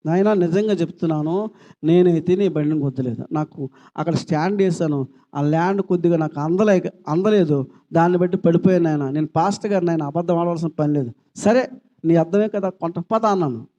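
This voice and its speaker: High-voiced male pastor preaching. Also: fairly quick, warm tone, lo-fi sound. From India. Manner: preaching with rising, impassioned emphasis. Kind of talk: sermon. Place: church service.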